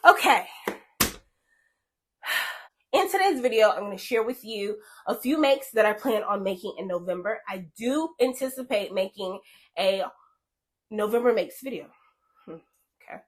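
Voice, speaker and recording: A woman's voice: medium pitch, lively intonation, moderate pace, pauses often. A woman chatting casually as a sewing vlogger, upbeat and friendly with her viewers, a bit out of breath and congested. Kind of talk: casual chat to camera.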